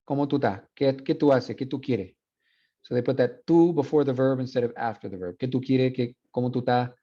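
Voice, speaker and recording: In a lo-fi recording, a medium-pitched male voice moves at an ordinary pace through a university Spanish lesson. He breaks down the traits of a dialect in a blend of Spanish and English, keeping things loose and explanatory with plenty of fillers.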